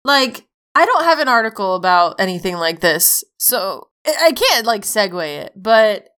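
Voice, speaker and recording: Sarcastic, bright-voiced woman. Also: medium pitch, very animated, moderate pace, smooth. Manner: sarcastic, swearing, laughs often. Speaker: podcast co-host. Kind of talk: casual chat.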